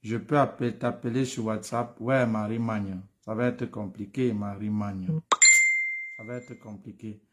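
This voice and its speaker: Speaking at normal speed in a fairly low, steady voice, a tired man gives study-abroad advice on a live stream. He chats familiarly with viewers, uses their names, and tends to repeat himself.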